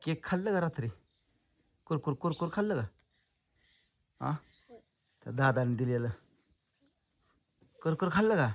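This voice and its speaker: A man's voice: a little high, animated, moderate pace, long pauses. A man vlogging at his village home outdoors, coaxing and scolding the children and calling out to them. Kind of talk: casual family vlog.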